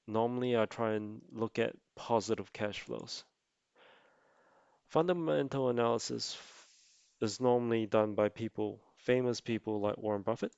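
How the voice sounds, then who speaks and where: A man narrating an explanatory tutorial as an amateur presenter, speaking haltingly in short phrases. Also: lowish voice, creaky, darkish tone, smooth, no room sound, highs cut off. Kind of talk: explanatory investing tutorial voice-over.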